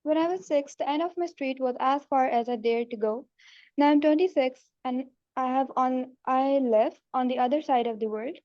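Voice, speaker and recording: A young woman student reading a passage aloud in class, steady and careful. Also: high-pitched, no echo, highs cut off.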